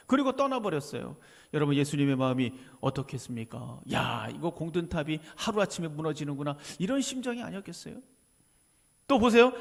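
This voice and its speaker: Pastor with a high voice, preaching in a reverberant hall. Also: male voice. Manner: conversational preaching, asks the congregation questions, acts out voices. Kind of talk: Sunday sermon. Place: church sanctuary. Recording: church livestream with long hall reverb.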